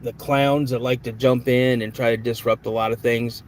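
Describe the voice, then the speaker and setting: A man's voice: mid-range voice, flat delivery, moderate pace, a little hiss or hum. A man hosting a live stream in a casual, chatty way, greeting viewers by name and answering their comments.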